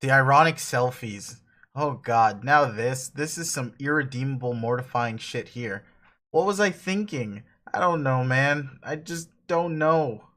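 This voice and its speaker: A man's voice: medium pitch, sharp tone, voice pushed down. A man voicing a cool, ironic teenage boy who swears a lot and rambles, in a dramatic reading of a webcomic. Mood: self-mocking. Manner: profane, rambling, laughs a lot.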